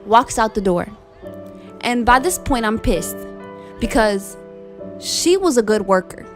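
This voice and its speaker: A woman's voice: a little high, expressive, measured pace, faint music behind. Heated, cursing young woman ranting. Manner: heated, profane, emphatic. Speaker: vlogger telling a work story. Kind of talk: casual storytime rant over gameplay.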